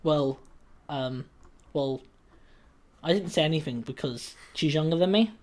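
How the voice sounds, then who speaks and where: Guy cohosting a chatty podcast, bit high-pitched, lots of ums and false starts. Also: unhurried, a little mellow. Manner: hesitant, full of ums and restarts. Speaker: podcast co-host. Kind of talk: casual podcast banter.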